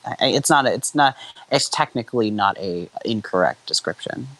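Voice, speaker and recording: Man reading fanfiction aloud, lively pitch. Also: moderate pace. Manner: acts out shouted lines in a high voice, stumbles and laughs. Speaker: fanfiction reader and channel host.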